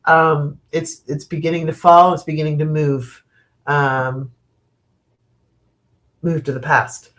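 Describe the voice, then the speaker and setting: Allergies leave this middle-aged woman from the US sniffly as she hosts a home tarot live stream and chats casually. Her voice is low and her tone level. She rambles at a slow pace, thinking aloud through many fillers and restarts, and laughs at her own digressions.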